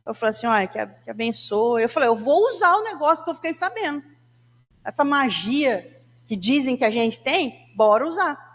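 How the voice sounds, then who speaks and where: A woman's voice: high voice, sing-song, normal speed, long reverb tail. A woman from Brazil giving a spiritist talk, chatty and storytelling, often turning to the audience. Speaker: spiritist lecturer. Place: lecture hall of a spiritist center.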